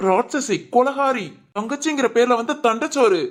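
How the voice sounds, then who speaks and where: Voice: medium pitch, normal speed, lightly acted. A voice actor playing an exasperated, put-upon single young man in a cartoon, grumbling and sarcastic. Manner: grumbling, sarcastic, mock-dramatic. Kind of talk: cartoon voice acting.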